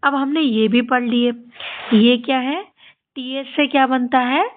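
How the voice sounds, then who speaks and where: A woman's voice: steady tone, unhurried. A woman teaching English phonics to children, sounding words out letter by letter, repeating each one, and often checking in with the class. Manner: often ends with a high-pitched tag question to the children. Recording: tinny, phone-like audio.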